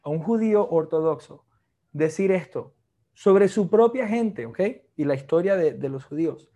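A man preaching a sermon, lively and joking with the congregation, mixing Spanish with English phrases. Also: fairly high pitch, moderate pace.

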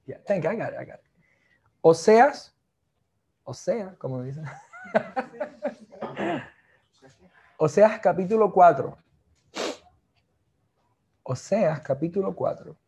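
A man's voice: high-pitched, sing-song, slow pace, long pauses, dark tone. Man, Puerto Rican accent, pastor, chatty sermon, switches between languages, video call.

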